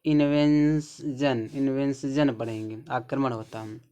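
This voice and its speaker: Slow-explaining man with a Hindi accent. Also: fairly high pitch. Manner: slow, repetitive explaining, often checking in with the viewer. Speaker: English teacher. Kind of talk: spoken-English lesson explaining pronunciation.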